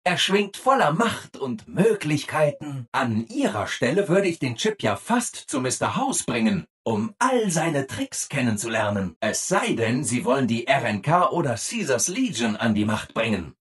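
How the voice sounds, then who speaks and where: A man voicing a relentlessly cheerful, eager-to-please robot assistant in a video game, over-polite and exaggeratedly upbeat, with a husky voice. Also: medium pitch, sing-song, unhurried, few pauses, fairly bright tone, heavily acted. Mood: eager, apologetic.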